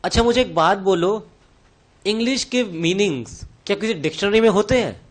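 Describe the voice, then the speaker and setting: A man with a high voice and Indian English accent runs a revision lecture in a classroom. He fires question after question at his students, calling them "beta" and answering them himself. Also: expressive, moderate pace. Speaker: teacher.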